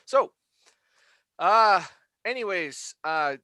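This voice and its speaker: A man's voice: sits high, lively intonation, extremely slow, pushed and bright, no echo. A man co-hosting a podcast review, chatting casually, laughing often and swearing freely. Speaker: podcast co-host.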